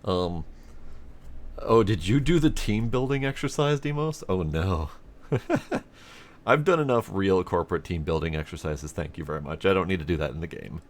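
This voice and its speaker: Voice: sits low, animated, moderate pace. A game streamer giving casual, sarcastic and irreverent commentary while playing.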